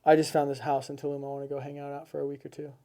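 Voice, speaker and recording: A man's voice: a little high, monotone, rapid-fire, dark tone. A man from Seattle, a podcast guest, talking earnestly in a casual interview with repetitive, emphatic phrasing. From Seattle, United States.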